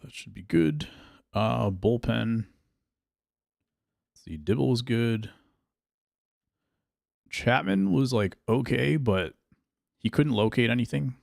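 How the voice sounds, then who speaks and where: A man's voice: medium pitch, animated, slow, vocal fry, pauses often, darkish tone, no echo, studio quality. A male streamer chatting casually while he plays, thinking aloud about his picks and answering his chat. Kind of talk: casual gameplay livestream chat.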